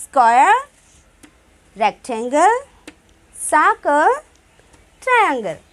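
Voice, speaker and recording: A woman with a Bangladeshi accent teaching young children English shapes, repeating words slowly and switching between Bengali and English. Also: sits high, big pitch swings. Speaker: primary school English teacher. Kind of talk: classroom lesson to young children.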